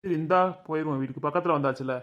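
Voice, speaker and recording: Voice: mid-range voice, racing, fairly bright tone, lo-fi sound, lightly acted. A performer voicing a patient, henpecked village husband in a cartoon, pleading and placating in a Madurai Tamil accent. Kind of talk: cartoon voice acting.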